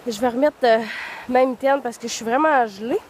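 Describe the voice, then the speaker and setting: A little hiss or hum sits under this fairly quick, slightly high voice with a darkish tone. It belongs to a young Quebec French-accented vlogger who is congested with flu and a bit winded, rambling with many fillers during a walk through snowy woods in deep cold.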